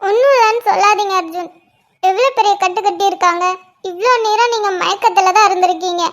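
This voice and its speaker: A woman's voice: very high-pitched, a little fast. A woman voicing a tearful young pregnant wife in a cartoon, pleading with her injured husband. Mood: emotional. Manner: pleading, emotional. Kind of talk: cartoon voice acting.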